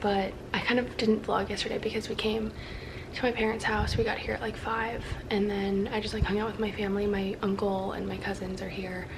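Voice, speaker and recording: A woman's voice: medium pitch, level tone, fairly quick, noisy background. A woman chatting casually to camera in a hesitant, rambling way with lots of filler. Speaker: vlogger.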